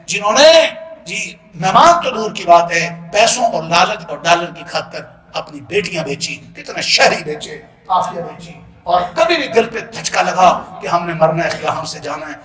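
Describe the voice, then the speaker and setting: High-voiced fiery preacher. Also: male voice, echoey room. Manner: impassioned, often shouting. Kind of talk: sermon.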